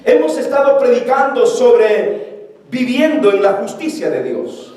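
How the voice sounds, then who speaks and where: A man's voice: very high-pitched, sing-song, a little slow, darkish tone. A male pastor preaching a sermon to his congregation with fervor, repeating phrases for emphasis. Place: church sanctuary. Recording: very echoey church, mic far off.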